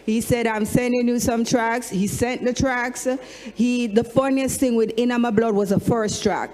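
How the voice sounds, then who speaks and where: A Jamaican woman, a singer on a discussion panel, telling animated stories and breaking into sung lines. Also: on the high side, unhurried. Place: large hall with an audience. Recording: long hall reverb.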